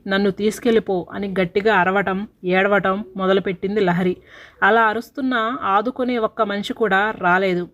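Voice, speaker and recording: Woman storyteller, dramatic and sorrowful, mid-range voice, audiobook narration. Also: mid-range voice.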